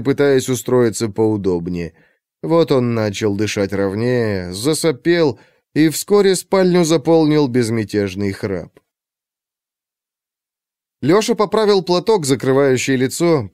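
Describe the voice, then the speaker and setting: Man narrating an audiobook, measured. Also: medium pitch, darkish tone, smooth, dry recording, clean studio sound. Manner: measured, suspenseful storytelling. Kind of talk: scripted narration.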